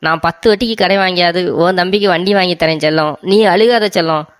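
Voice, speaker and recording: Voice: mid-range voice, steady tone, quick pace, a bit bright, clean tone, no echo, studio quality, lightly acted. A voice actor playing a doting young husband in a cartoon comedy, coaxing and sweet-talking his wife.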